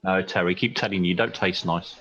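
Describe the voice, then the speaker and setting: A man calling in with a disguised deep voice, teasing the hosts. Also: steady tone, brisk, a bit bright, husky, highs cut off.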